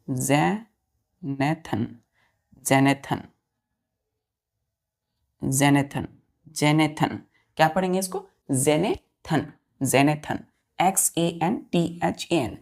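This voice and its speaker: A woman teaches English vocabulary at an unhurried, deliberate pace. Her voice sits low with a gravelly rasp. She spells words out letter by letter and keeps asking the class to repeat after her. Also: a little mellow. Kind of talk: slow repetitive classroom teaching.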